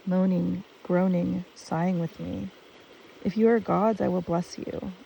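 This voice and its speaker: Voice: medium pitch, steady tone, a little slow, vocal fry, dark tone. A storyteller voicing a goddess queen of the underworld who moans and groans in pain. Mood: imperious. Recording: distant mic with stream noise.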